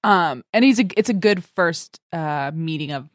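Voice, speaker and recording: A woman co-hosting a casual podcast chat, animated and quick to act out what people said. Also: deep voice, dry recording, studio quality. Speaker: podcast co-host.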